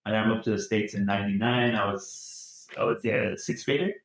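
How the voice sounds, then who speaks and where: Male podcast guest, mid-thirties, low voice, loose rambling delivery, very roomy sound. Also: fairly quick. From France. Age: 30s. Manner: relaxed, rambling with many restarts. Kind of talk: casual interview chat. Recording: very echoey room.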